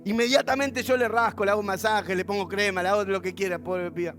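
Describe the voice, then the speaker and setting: A man's voice: high-pitched, quick pace, faint music behind. A man with a Rioplatense accent preaching a sermon as pastor, telling stories with humor and acting out the voices of others. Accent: Rioplatense Spanish. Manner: animated storytelling with humor, acting out quoted voices.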